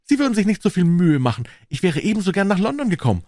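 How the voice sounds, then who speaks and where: A man's voice: sits high, big pitch swings, fast talker, darkish tone, no echo, clean studio sound, voice pushed up. A man voicing a cheerful, friendly young schoolgirl in a storybook reading.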